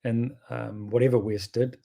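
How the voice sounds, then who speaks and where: A man's voice: medium pitch, level tone, normal speed, gravelly, mellow. A man with a strong New Zealand accent gives casual game commentary, thinking aloud in an informal, rambling way and often correcting himself. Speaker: bridge player presenting his own videos.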